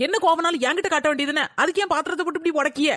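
A woman's voice: sits high, steady tone, racing, a bit bright, dry recording. Woman playing a young daughter-in-law, cartoon, indignant, arguing, dry close sound. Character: young married daughter-in-law, defensive and quick-tempered. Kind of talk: cartoon voice acting.

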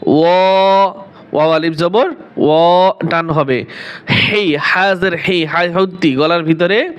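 A man teaching Quran pronunciation step by step, chanting each phrase slowly and stretched out between quick explanations. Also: on the high side, a bit bright, dull audio.

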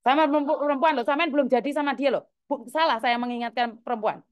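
Scolding high-voiced woman host. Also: quick pace, dull audio. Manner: scolding, insistent, repeats "loh" often. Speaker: host taking callers. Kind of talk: heated call-in chat.

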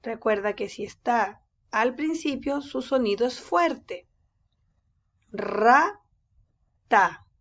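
A woman teacher giving a reading lesson to young children, speaking slowly and patiently and stretching words out syllable by syllable. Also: on the high side, lo-fi sound. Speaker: first-grade teacher.

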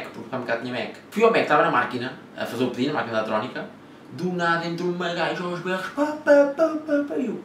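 A man's voice: mid-range voice, fairly bright tone, a little hiss or hum. Rambling young man with a Lisbon accent, echoey room. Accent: European Portuguese, Lisbon slang. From Portugal. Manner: slangy, swears a lot, rambling with fillers. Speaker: vlogger. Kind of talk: casual storytelling. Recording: echoey room, mic at a distance.

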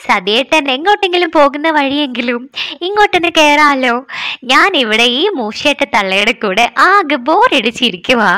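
Woman reading as a playful young woman, high voice, bright tone, teasing, blunt, dry close sound. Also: dry recording. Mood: sulky. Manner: teasing, blunt, sulky banter. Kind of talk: storytelling with voiced dialogue.

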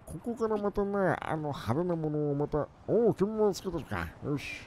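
A man chatting in character during a game roleplay, excitable and theatrically polite, given to big exclamations. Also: a little high, moderate pace, a little hiss or hum.

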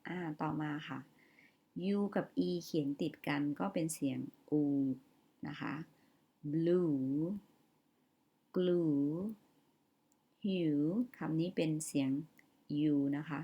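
Young woman as a slow, careful vowel teacher. Lowish voice, repeats each word and stretches the vowel. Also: fairly even intonation, mellow. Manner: says each English word slowly, often more than once, stretching the vowel. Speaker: English teacher. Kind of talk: slow vocabulary lesson with spoken word examples.

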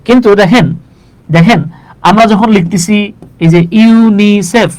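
A man's voice: sits high, moderate pace, a little mellow, rough recording. A man from Bangladesh giving a chatty live English lesson, teaching in Bengali and calling viewers brother.

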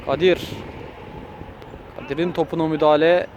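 A male football commentator with a fairly high-pitched voice calls a match live. He names players and moves in short, clipped bursts, lifting his voice when shots come. Faint outdoor noise sits behind him. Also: normal speed, highs cut off. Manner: raises his voice excitedly at shots and goals.

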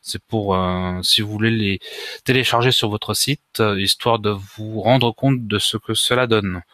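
A man walks through a computer tutorial, halting and casual, often pausing to find his words. His voice is low-pitched yet bright and forward. The sound is close and dry, recorded at a desk mic with no room echo. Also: fairly even intonation. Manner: hesitant, many fillers and restarts, casual explanations. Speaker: WordPress tutorial maker. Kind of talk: screen-recorded software tutorial.

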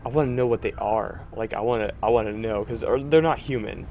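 A man playing a horror game on his channel, murmuring slowly to his viewers and breaking into startled exclamations. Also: mid-range voice, mellow, a little hiss or hum. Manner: exclaiming, easily spooked. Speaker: gaming YouTuber. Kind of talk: let's play commentary.

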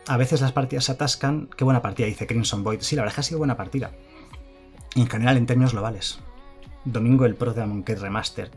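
A man's voice: mid-range voice, fast, soft background music. A man commenting live on his card game, chatting casually and reading viewer messages aloud. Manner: chatty, reads chat aloud and thanks followers. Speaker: streamer.

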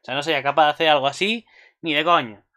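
Casual anime recap host, a man, bright and forceful voice, profane and rambling. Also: on the high side, racing. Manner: rambling, swears freely, with asides to viewers.

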